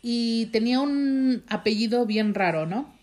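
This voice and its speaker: Unhurried and a little mellow, this high-leaning voice belongs to a young Mexican-accented vlogger recounting something from her own life. She rambles casually, leans heavily on fillers, and keeps turning to speak directly to her viewers.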